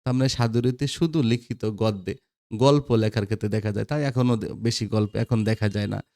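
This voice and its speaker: A man's voice: fairly low pitch, fairly even intonation, fairly quick, warm tone, no room sound, clean studio sound. A man with a Bangladeshi Bengali accent, lecturing school students on grammar, quizzing them and repeating the answers. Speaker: teacher.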